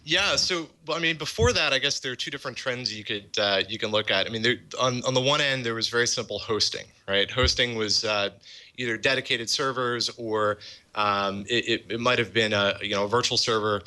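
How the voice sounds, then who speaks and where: A man guest on a tech podcast, explaining software in a casual way with many fillers. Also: mid-range voice, brisk, poor audio. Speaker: guest, open-source project developer. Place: office in a large city.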